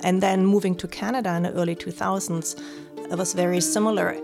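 A woman's voice: on the low side, steady tone, brisk, vocal fry. A woman in her fifties from Germany, a political science professor, speaking in a thoughtful, earnest way in a podcast interview. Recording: music playing underneath.

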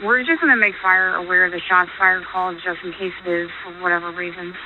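Woman police dispatcher on police radio; brisk, clipped codes; tinny, hissy line. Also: fairly low pitch, fairly even intonation. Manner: brisk, businesslike, reads out times and codes. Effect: police radio transmission.

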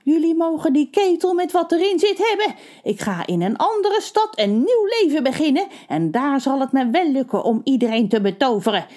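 A shrill, screeching old witch from a storybook, grumpy and self-important. Her voice climbs very high and drags her words out when she grumbles. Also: expressive, moderate pace, warm tone. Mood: grumbling. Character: grumpy, shrieking old failed witch woman.

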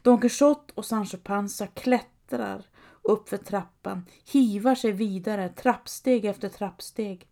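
A woman narrates a scripted story in a calm, measured way. Her voice is mellow and dark-toned. She reads at an even, unhurried pace. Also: medium pitch, creaky.

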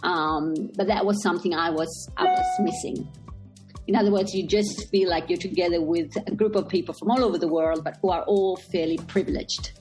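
A middle-aged woman from Italy talks through her story with care and reflection, her voice sitting on the low side. She speaks from a busy workplace, with faint music playing faintly behind her. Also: steady tone, fairly quick. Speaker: guest, social enterprise CEO. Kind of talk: remote interview conversation.

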